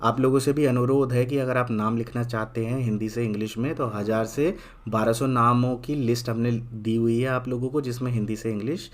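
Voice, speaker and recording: A man teaching as a patient tutor, repeating words slowly to stress their sounds. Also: medium pitch, steady tone. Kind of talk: explanatory lesson.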